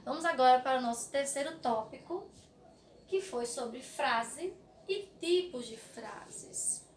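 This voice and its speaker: A young woman with a Brazilian Portuguese accent teaching a recorded class for young children, slow and clear with a sing-song way of stretching words. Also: sits high, animated, far from the mic, a little hiss or hum. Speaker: primary school teacher. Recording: echoey room, voice off-mic.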